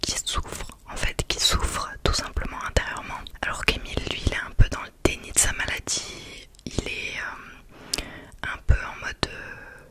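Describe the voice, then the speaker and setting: Whispering woman, hushed library ASMR. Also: moderate pace. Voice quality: soft unvoiced whisper throughout. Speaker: ASMR creator reviewing books. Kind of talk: whispered ASMR book review.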